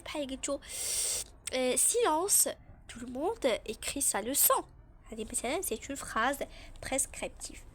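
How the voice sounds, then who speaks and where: A young woman with a Moroccan accent, explaining a French grammar lesson and repeating key terms slowly. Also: high voice, fairly bright tone, slight background noise. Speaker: French teacher.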